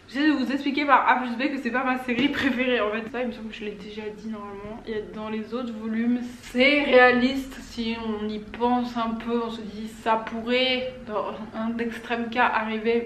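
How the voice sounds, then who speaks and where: Young woman, casual vlog chat, slightly high voice, meandering, roomy echo. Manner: chatty, rambling, loses her train of thought. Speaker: book vlogger. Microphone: camera or phone on a stand. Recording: echoey room with faint background noise.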